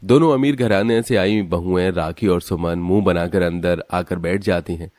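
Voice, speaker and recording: A man narrating a cartoon story in a steady, matter-of-fact way. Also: low-pitched, moderate pace, dry recording, clean studio sound.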